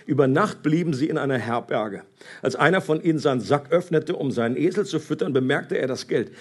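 A man reading a Bible story aloud and commenting on it in a conversational, animated way with hesitations. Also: fairly high pitch, a little fast, breathy edge.

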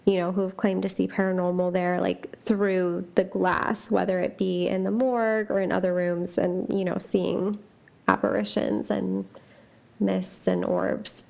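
A woman's voice: mid-range voice, gravelly, a little mellow. A woman hosting a chatty podcast, talking casually with lots of fillers and asides and reading ghost stories aloud. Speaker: podcast host.

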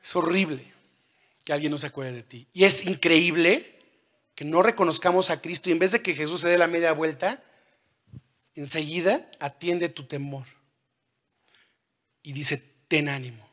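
Bright, high-pitched man preaching. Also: moderate pace, long pauses. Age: 30s. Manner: dramatic swings between loud calls and hushed lines; asks the congregation questions. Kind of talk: sermon.

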